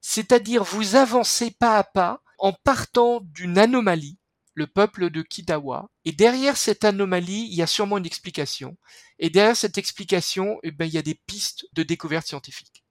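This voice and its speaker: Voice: mid-range voice, moderate pace, no echo, clean studio sound. A podcast guest explaining skincare research in an enthusiastic, chatty way, full of fillers and restarts.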